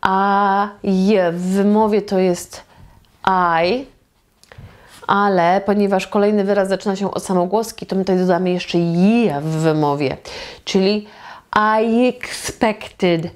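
Slow, careful Polish English teacher. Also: female voice, mid-range voice, fairly even intonation, a little mellow. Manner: models English phrases very slowly, syllable by syllable. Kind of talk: slow English pronunciation lesson.

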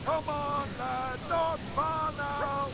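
An actor playing a gruff, big-hearted, blustery older sea captain with a gravelly voice in a radio drama. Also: male voice, very high-pitched, steady tone, drawn-out words, full character voice. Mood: gruff encouragement. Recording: noisy sound effects behind.

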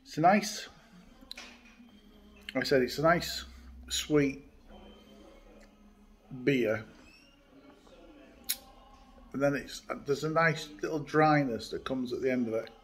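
A man's voice: mid-range voice, slow, long pauses. Chatty man reviewing beer. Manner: chatty, relaxed, frequent uh fillers. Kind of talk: casual beer review chat. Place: indoors by a window in a hotel room.

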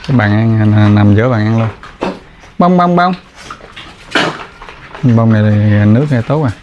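A man's voice: normal speed, muffled recording. A man with a Southern Vietnamese accent, chatting casually on camera as a dog breeder and calling to the dogs. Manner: chatty, talks to the dogs in raised higher voice. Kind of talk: casual vlog commentary. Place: indoor dog kennel with concrete floor. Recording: noisy kennel with dogs. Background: dogs barking and moving about.

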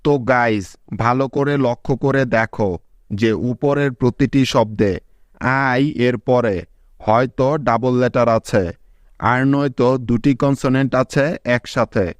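A man teaching English spelling rules in a measured, instructive tone, speaking to his students. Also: mid-range voice, fairly even intonation, dry recording. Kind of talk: slow scripted lesson narration.

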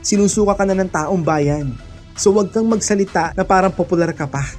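A man's voice: high voice, a little fast, darkish tone. A man giving a heated, mocking political rant, often laughing scornfully and swearing as he addresses the president and his viewers directly. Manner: speaks directly to the president and to viewers as "mga idol". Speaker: political vlogger. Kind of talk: ranting political commentary. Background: background music.

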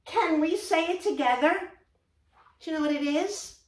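A woman's voice: very high-pitched, moderate pace. A woman reading a rhyming storybook aloud as a children's teacher, encouraging young listeners and prompting them to repeat the words. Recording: echoey room, voice from a distance.

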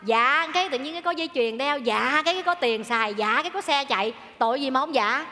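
A woman's voice: high-pitched, a little fast, pushed and bright, long reverb tail. A woman performing a stage comedy sketch as a wife, scolding and arguing back and turning to the audience. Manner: scolding, argumentative, addresses the audience.

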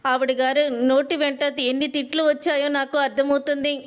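A woman voicing a sharp-tongued older mother-in-law in a spoken story retelling, with a scolding, demanding manner. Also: high voice, level tone, fairly quick, natural voice.

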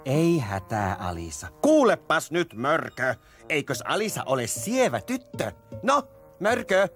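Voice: mid-range voice, wildly swooping pitch, soft background music. A performer voicing a young, kind Moomin troll in a cartoon dub.

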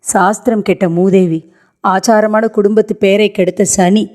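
A rigid, hot-tempered middle-aged man snaps and shouts in scorn, read by a woman storyteller in her own voice. The tone stays warm and mellow, and the pitch stays at a woman's middle height. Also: level tone, measured pace, lightly acted. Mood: shouting.

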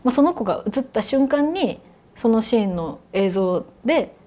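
A young adult woman telling a ghost story in conversation, her voice soft and hushed, at times sinking to near whispers. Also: fairly high pitch, expressive, moderate pace. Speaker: guest storyteller.

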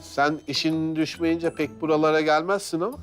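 A man's voice: on the high side, steady tone, normal speed, soft background music, natural voice. An actor playing a middle-aged father who frets at the wheel and pleads with his bickering family. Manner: fretful, pleading, then fed up. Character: worried, long-suffering father driving the car. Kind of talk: film dialogue.

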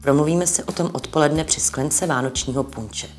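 A woman voicing an old miser who has turned joyful and generous, speaking cheerfully and briskly. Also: sits low, a little mellow, faint music behind, lightly acted. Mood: mock-stern.

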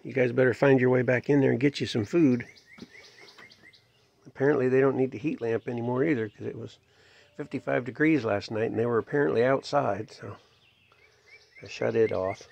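A man's voice: medium pitch, normal speed, creaky, long pauses. A man, chatting casually as he films his farmyard on a phone and talks to the animals. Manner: relaxed, folksy, talks to animals. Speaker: homestead vlogger. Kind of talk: casual narration while filming. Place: outdoors in a farmyard by a shed. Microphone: phone camera held by the filmer. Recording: dull lo-fi phone audio outdoors.

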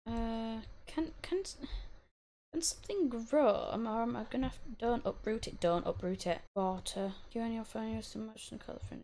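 A woman giving casual, chatty commentary while playing a life-sim game, giggling, talking to her characters and breaking into excited bursts. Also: a little high, moderate pace, slight background noise. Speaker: gaming channel host.

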